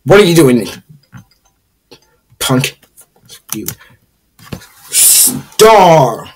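Woman, low voice, lively swings, gaming commentary, quiet muttering then yelling. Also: very slow, slightly rough. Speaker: gaming video host.

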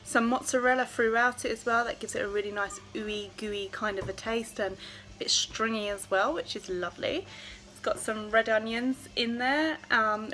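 A woman's voice: on the high side, fairly bright tone, rough recording. A woman in her thirties chatting casually to a phone camera in her home kitchen, friendly and full of fillers. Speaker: home cooking vlogger. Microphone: phone held at arm's length.

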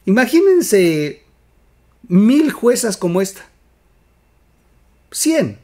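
A man with a Mexican accent hosting a political commentary show, emphatic, with loud outbursts and quiet asides. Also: high voice, very animated, very slow. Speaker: news commentary host.

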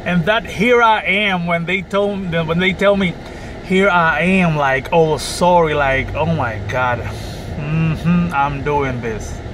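A middle-aged man, a personal trainer, talking casually to a dashboard camera from his parked car, unhurried and thoughtful. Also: on the high side. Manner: slow, thoughtful, gestures with hands. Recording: car interior with clear air-conditioning hum.

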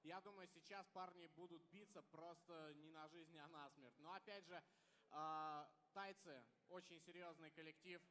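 A man's voice: on the high side, fairly even intonation, moderate pace, sharp tone. A young man commentating live on an esports match through a headset in an arena. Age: young adult. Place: caster desk on stage in large indoor arena. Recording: reverberant large event hall.

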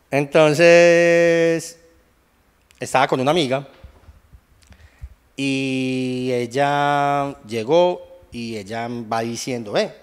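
A man's voice: medium pitch, clear, resonant tone, big-room sound. A young Colombian man with a Paisa accent, telling his testimony in casual conversation and acting out what he said back then. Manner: animated storytelling, acts out his own past lines. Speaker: guest giving testimony.

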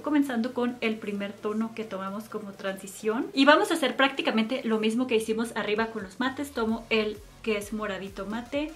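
A woman's voice: fairly high pitch, fairly bright tone. A woman giving a chatty makeup tutorial and product review, fond of cute diminutives. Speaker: beauty vlogger.

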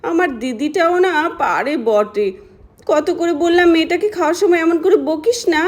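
A woman voicing a gentle aunt who coaxes a child to come and eat, in a doll-play story. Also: very high voice, moderate pace, pitched above the performer's own voice. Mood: complaining. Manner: coaxing, pleading.

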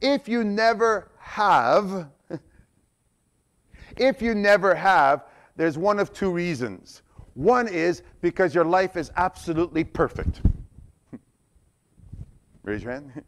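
A man's voice: fairly high pitch, lively intonation, slow pace, long pauses. A man preaching a sermon as pastor, reading scripture aloud and acting out a prophet's desperate questions to God, then asking the congregation directly. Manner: dramatic, pleading when voicing the prophet's complaints.

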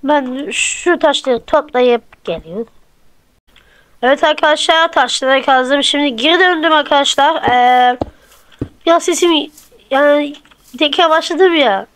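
A woman's voice: high voice, rough recording. A woman hosting a gameplay channel, chatting casually to viewers and counting blocks aloud as she builds. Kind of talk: casual let's-play commentary.

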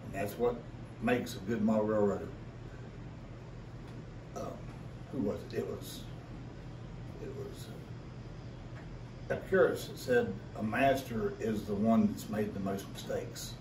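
A man's voice: fairly low pitch, fairly even intonation, unhurried, long pauses. A man with a West Virginia Appalachian accent chatting casually as a podcast co-host in a rambling, folksy way. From West Virginia, United States. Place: echoey room, away from the mic. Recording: roomy, distant mic, faint background noise.

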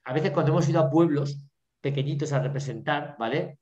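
A man's voice: a little high, brisk, a little mellow. A man, a drama teacher giving a lecture over a video call, who keeps checking in with his listeners with little tags and fillers. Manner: filler-heavy, constantly checking in with "¿vale?" and "¿no?". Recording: echoey room, dull lo-fi video call.

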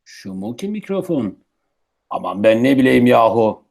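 A man's voice: mid-range voice, very animated, moderate pace, vocal fry, a little mellow. An actor as a grumbling old grandfather, swooping intonation. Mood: grumpy, baffled. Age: older. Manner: grumbling, folksy. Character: grumbling, affectionate old grandfather baffled by technology. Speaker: grandfather in a radio play. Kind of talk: Turkish radio theatre acting.

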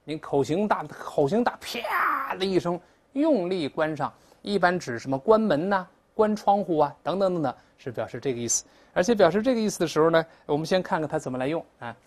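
Animated Mandarin-speaking woman teacher. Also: on the low side, fairly quick. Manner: animated, drills pronunciation aloud with repetition; explains in Mandarin with English examples. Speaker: English teacher. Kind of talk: classroom vocabulary lesson.

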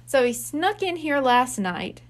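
A woman reading aloud as an excitable young boy who asks eager questions. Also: sits high, a little slow.

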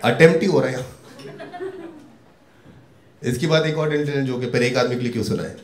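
A man from India performing a stand-up comedy set, acting out quoted dialogue and jumping between shouts and mutters. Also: mid-range voice, fairly quick, echoey room.

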